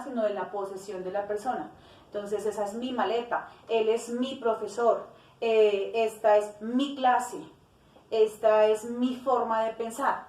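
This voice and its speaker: A woman with a fairly high voice teaches a grammar lesson and walks through the rules one step at a time. She stops to correct herself and acts out short example phrases. She is recorded from a distance in a room with a roomy echo. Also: a little mellow.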